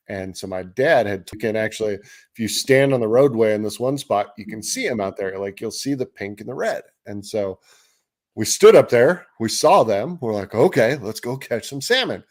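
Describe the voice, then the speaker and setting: A man co-hosting a fishing show, telling a story casually and acting out what people said. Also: on the low side. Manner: animated storyteller, acts out quotes, laughs while telling. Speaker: podcast co-host.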